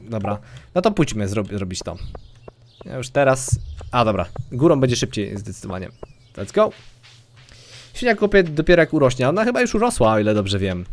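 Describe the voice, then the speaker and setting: A young man casually commenting on his gameplay for viewers, chatting and thinking aloud as he plays. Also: medium pitch. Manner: chatty, talks to viewers and girlfriend off-mic, mixes English gaming words. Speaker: streamer.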